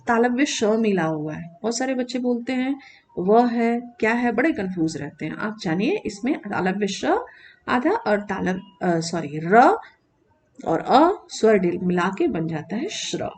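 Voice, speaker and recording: A woman teacher explaining letters in a classroom lesson, asking the children questions and answering them herself, drawing sounds out slowly to demonstrate them. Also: mid-range voice, a little mellow, slight background noise. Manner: slow, drawn-out demonstration of sounds; addresses children, asks and answers own questions. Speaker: Sanskrit teacher.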